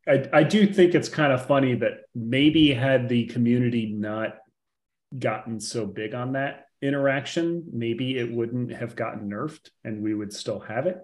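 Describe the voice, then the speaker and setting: A man's voice: mid-range voice, unhurried. A man co-hosting a podcast, talking through game rule changes in a loose, rambling way with many fillers and restarts. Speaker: podcast co-host. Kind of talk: casual gaming chat.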